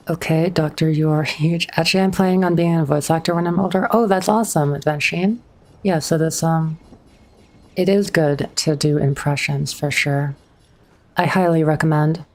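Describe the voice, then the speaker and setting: A woman with a notably low voice streams a game and chats casually with her viewers. She is a bit awkward and picks up chat messages as she goes, speaking into a streaming microphone. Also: steady tone, moderate pace. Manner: chatty, a bit awkward, reads and answers chat.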